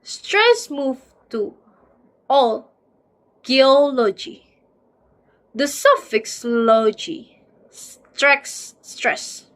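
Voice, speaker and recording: A woman's voice: high-pitched, big pitch swings, extremely slow, fairly bright tone, rough recording. A woman with an Indonesian accent, a student reading a phonology exercise aloud and sounding out words syllable by syllable. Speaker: student presenter.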